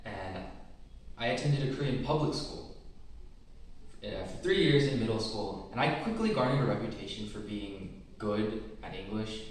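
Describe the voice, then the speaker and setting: A teenage boy with a West Coast American accent, giving a reflective prepared talk as a student speaker. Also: on the low side. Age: teens. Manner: reflective, measured storytelling. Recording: very echoey room, mic at a distance.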